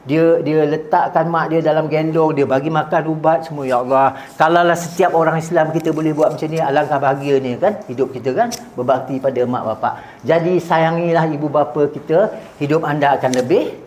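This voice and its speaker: A man's voice: fairly high pitch, steady tone, a little fast, hardly any pauses, darkish tone. A man giving a religious talk to young people, often stopping to ask the audience "ya?". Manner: exhorting, often asks the audience "ya?". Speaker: religious speaker. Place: Islamic hall. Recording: echoey hall with faint noise.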